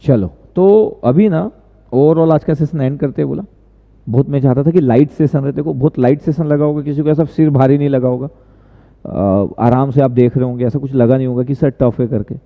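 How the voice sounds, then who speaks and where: A man's voice: mid-range voice, fairly quick. A male tutor teaching casually in a live stream, chatty and answering viewers' questions, often repeating himself. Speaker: online tutor. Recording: tinny, echoey lo-fi stream audio.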